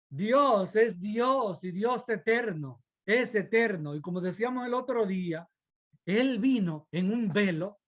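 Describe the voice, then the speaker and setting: Slow, fervent male preacher. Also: high-pitched, lo-fi sound. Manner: fervent, repeats rhetorical asides; restarts and stumbles mid-phrase. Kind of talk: sermon.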